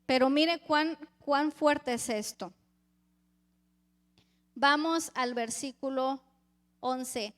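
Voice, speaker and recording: A woman's voice: high voice, drawn-out words, pauses often, a bit bright. A woman preacher giving a sermon, reading scripture aloud and calling the congregation brothers. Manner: acts out crowd voices.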